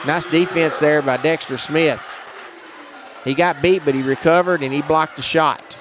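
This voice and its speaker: Male play-by-play announcer, slightly high voice, brisk game calls, faint gym noise behind. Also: steady tone. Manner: brisk, matter-of-fact calls, raising his voice on big plays. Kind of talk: live basketball commentary.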